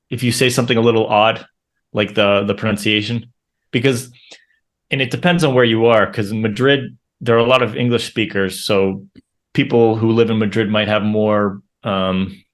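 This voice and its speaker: Low-voiced man hosting a casual chat. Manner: thoughtful, hedging, with frequent ums. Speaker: host. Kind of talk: casual conversational interview.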